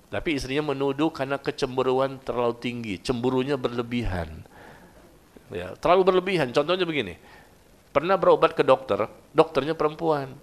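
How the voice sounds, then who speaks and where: A male preacher giving a casual, conversational sermon, asking his listeners questions and acting out little dialogues. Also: mid-range voice. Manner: conversational, asks the audience questions and acts out dialogue. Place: mosque gathering.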